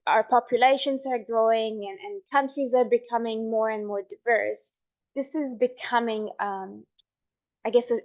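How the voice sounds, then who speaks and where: A middle-aged woman from Hungary giving a measured academic talk on her research, with frequent ums and restarts. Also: on the high side. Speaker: researcher presenting her work.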